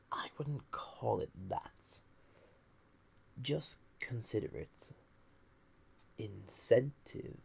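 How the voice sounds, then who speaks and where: For an intimate roleplay audio drama, a man with a lowish voice takes on the role of a banished villain who is ancient and lonely, flirtatious and dangerous. He speaks breathily, often in a half-whisper, teasing with languid pauses in a heavily acted style.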